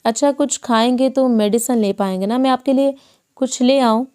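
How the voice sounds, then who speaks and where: A woman's voice: a little high, a little mellow, smooth, close to an everyday voice. A woman voicing a caring, cheerful young wife in an audiobook. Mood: worried. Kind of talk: audiobook dialogue.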